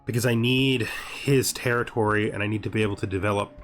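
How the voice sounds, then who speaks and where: With a fairly low, a bit bright voice and fairly even intonation, a man speaks fast as host of a gaming series. He reads a scripted intro narration, then thinks aloud through his gameplay commentary, all over background music.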